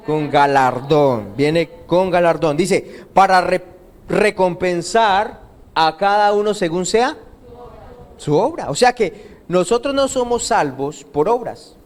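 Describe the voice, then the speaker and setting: High-voiced pastor questioning his flock. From Colombia. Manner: call-and-response questioning of the congregation. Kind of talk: sermon. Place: church service.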